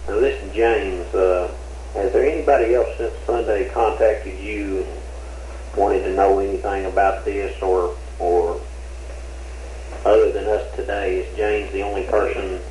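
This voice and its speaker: A man's voice: low voice, steady tone, unhurried, dark tone. A man, a police investigator, asking formal, methodical questions, heard on an old interrogation tape recording. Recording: roomy old tape with faint hiss.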